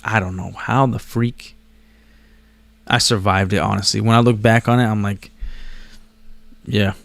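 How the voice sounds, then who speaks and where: This man's voice is fairly low, creaky, and unhurried, with fairly even intonation and no echo. Born abroad, he came to the US as a child and learned English after his first language. He rambles casually to camera for viewers, slangy and self-deprecating.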